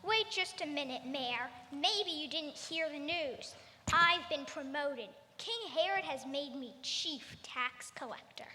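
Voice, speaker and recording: A woman's voice: high voice, expressive, takes it slowly, bright, forceful tone, in a large hall, slight background noise, full character voice. A woman voicing a short, pompous male tax collector in a cartoon, boastful and self-important. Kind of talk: cartoon acting.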